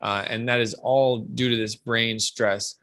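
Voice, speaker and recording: A man in his thirties, an audiologist answering a viewer's question in a measured, explanatory way. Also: medium pitch, steady tone, a bit bright, no room sound. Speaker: audiologist guest.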